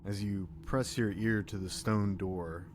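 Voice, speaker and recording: A man's voice: lowish voice, fairly even intonation, measured pace. A man acting as game master, casually narrating and giving rulings in a tabletop game. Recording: clear background noise.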